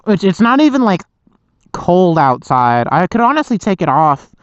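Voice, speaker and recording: A young adult voice with a smooth, clear tone and middling pitch, rambling casually through a motorcycle vlog. The speaker talks from inside a helmet, so the sound is close and a bit muffled. The delivery wanders and self-interrupts, with some mild swearing. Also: big pitch swings, normal speed, dry recording. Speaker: motorcycle vlogger. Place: inside a helmet, outdoors at night.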